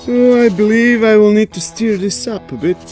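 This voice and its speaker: With soft music behind him, this vlogger talks at a normal speed in a high, darkish voice. He is a native Croatian speaker using English, casually narrating on an action camera as he does chores at a rural summer house.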